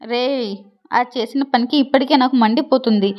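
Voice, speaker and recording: A woman's voice: a little high, normal speed, highs cut off, lightly acted. A woman voicing a hot-tempered, protective older brother giving harsh orders in a read-aloud story. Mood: angry. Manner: harsh, commanding. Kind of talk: storybook reading.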